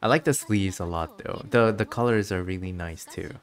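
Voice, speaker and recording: A game streamer with a low voice chats casually about what's on screen at a moderate pace. The commentary is relaxed, talkative, and giggly, aimed at viewers.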